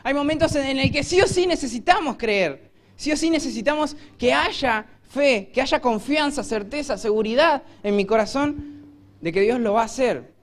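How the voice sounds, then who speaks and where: Argentine pastor preaching in church, high voice, acts out the story with shouts. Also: male voice, lively intonation, normal speed. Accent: Rioplatense Spanish. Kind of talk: sermon.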